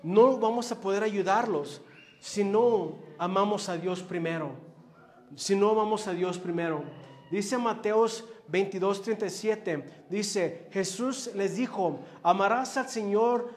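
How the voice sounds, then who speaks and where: A male preacher delivers his sermon at an unhurried, deliberate pace. His voice sits fairly high for a man, and he talks earnestly, leaning on filler words as he goes. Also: a little mellow. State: dizzy.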